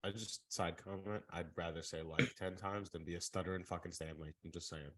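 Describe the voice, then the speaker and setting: A man's voice: sits low, fairly quick, rough recording. A man in his thirties, a podcast co-host, talking bluntly and teasing his friends in casual chat. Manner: blunt, teasing, animated storyteller.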